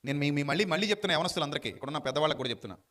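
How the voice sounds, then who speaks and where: A man's voice: on the high side, racing. A man preaching a sermon, telling stories with many rhetorical questions and acting out the people in them. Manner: animated storytelling, rhetorical questions, acts out drunkards and dialogue.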